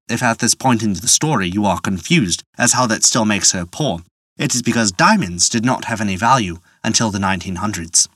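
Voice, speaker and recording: Lively storyteller with wry asides. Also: mid-range voice, dry recording. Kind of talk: folk-tale narration with asides.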